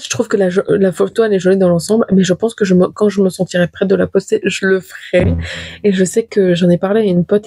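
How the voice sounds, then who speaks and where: A woman's voice: mid-range voice, dark tone, husky, dry recording. A young woman hosting a casual confessional podcast from her bedroom, chatty and rambling, with lots of fillers and restarts. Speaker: podcast host.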